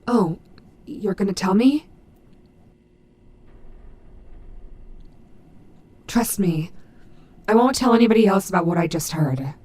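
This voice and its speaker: A woman voicing a gruff but maternal animatronic wolf in an audio roleplay, fiercely protective, with halting, earnest, emphatic delivery. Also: medium pitch, expressive, a little mellow, close to an everyday voice. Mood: reassuring. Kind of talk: dramatic audio roleplay addressed to the listener.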